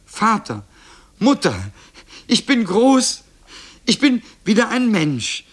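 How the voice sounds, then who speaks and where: A man voicing a young farm boy in a German radio reading, crying out in a high, strained voice. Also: wildly swooping pitch, takes it slowly, slightly rough, heavily acted. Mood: elated.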